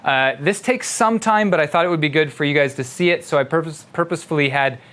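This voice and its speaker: A somewhat high-voiced older man leads a live coding lesson. He explains each step casually and chuckles along the way. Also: quick pace, a bit bright. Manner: playful, chuckling while demonstrating. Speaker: instructor.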